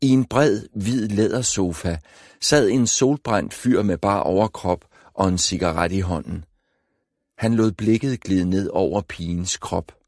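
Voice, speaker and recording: A man narrating an audiobook in a measured, even storytelling manner on a close mic. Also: low voice, no room sound. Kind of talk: scripted narration.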